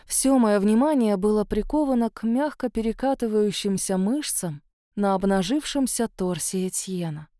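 A woman reading a first-person story as an audiobook narrator, in a soft, intimate, confessional manner. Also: medium pitch, no room sound, clean studio sound.

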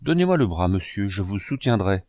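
A man's voice: lowish voice, sing-song, a little fast, a little mellow, no room sound. A man reading an audiobook, voicing a grieving young man who is tender and resolute and speaks earnestly.

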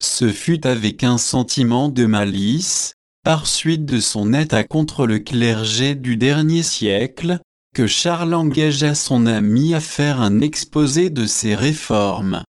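Slow, measured male narrator. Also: mid-range voice. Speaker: audiobook narrator. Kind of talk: scripted literary narration.

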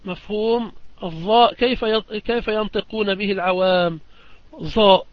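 Man teaching tajweed, high-pitched, explanatory and patient; dry, dull lo-fi sound. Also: steady tone, dry recording. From Palestine. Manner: demonstrates recitations slowly and with emphasis, repeats phrases; explanatory, asks students whether it is clear. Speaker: sheikh teaching Quran recitation. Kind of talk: religious lesson on Quranic readings.

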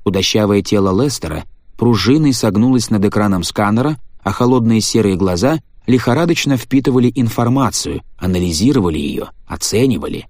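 A man narrating an audiobook story in a measured, even manner. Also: lowish voice, no room sound, studio quality. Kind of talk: scripted narration.

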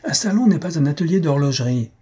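A man's voice: mid-range voice, animated, dark tone, husky. A man voicing a pompous, irritable old painter who blusters and flares up, in a comic audiobook. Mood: furious. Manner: blustering, quick to anger. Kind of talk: audiobook reading of a comic story.

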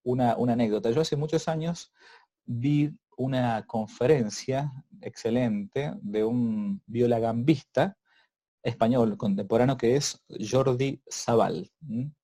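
A man's voice: medium pitch, slow, warm tone. A man, a priest hosting a casual interview, talking in with many restarts and fillers. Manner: hesitant, many repeated words and fillers. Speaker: host, priest.

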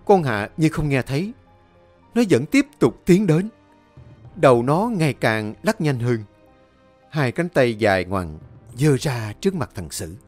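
Male storyteller, animated pitch, dry close recording. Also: dry recording. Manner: voices each character with high pleading tones. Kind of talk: dramatic horror story narration.

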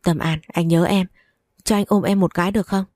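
A woman's voice: fairly low pitch, fairly even intonation, a little fast, darkish tone, no echo, studio quality, close to an everyday voice. A woman voicing an obsessive, pushy man who will not let his ex go, in a read-aloud story. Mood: pleading. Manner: insistent, pleading then menacing.

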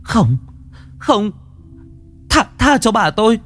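A man's voice: sits high, very animated, takes it slowly, fairly bright tone, pitched above the performer's own voice, exaggerated voice. A man voicing a frightened young granddaughter who is sobbing. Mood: terrified. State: crying.

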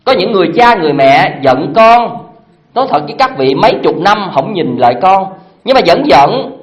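A Buddhist dharma teacher, giving a sermon with lively storytelling and many questions put to the listeners. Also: mid-range voice, normal speed, roomy sound, highs cut off. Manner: lively storytelling with frequent rhetorical questions to the audience.

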